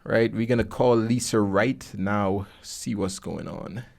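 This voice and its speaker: A young Guyanese man hosts a podcast in a Caribbean accent, his voice low-ish, darkish and fry-tinged, with fairly even intonation and a measured pace. He presents and interviews casually with jokey slang, close on a boom-arm studio mic.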